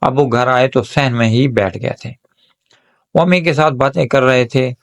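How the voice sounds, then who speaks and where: A man's voice: mid-range voice, fairly even intonation. Man narrating a story as a woman. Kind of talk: first-person narration of a moral story, told as a woman.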